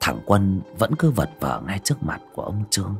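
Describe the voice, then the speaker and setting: A man's voice: very animated, fairly quick, gravelly, faint music behind. A man narrating a horror audiobook with dramatic, suspenseful delivery. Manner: dramatic, swinging pitch for suspense. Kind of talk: scripted horror story narration.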